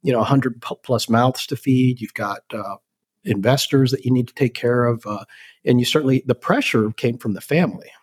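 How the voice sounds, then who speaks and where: An older man from El Salvador, a company president talking as a guest in a relaxed, rambling way with many ums and restarts. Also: mid-range voice, normal speed, breathy edge. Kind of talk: casual interview chat.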